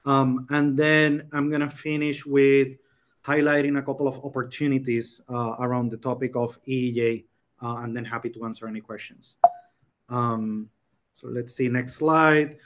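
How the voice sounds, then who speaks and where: A man in his forties from Puerto Rico, giving an online conference presentation with many pauses and fillers. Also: medium pitch, flat delivery. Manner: hesitant, many ums and uhs. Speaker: program coordinator presenting. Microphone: video call.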